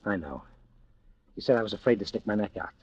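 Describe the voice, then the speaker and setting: A man's voice: lowish voice, expressive, fast talker, a little mellow, breathy edge, dry recording. An actor playing a cynical, urgent American tough guy, slangy and sardonic, in an old-time radio drama. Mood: urgent, angry. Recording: muffled vintage radio recording.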